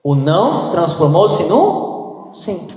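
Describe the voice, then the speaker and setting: A man preaching a sermon as pastor, animated, acting out little dialogues in playful voices. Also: on the high side, slow. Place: church. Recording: echoey church hall.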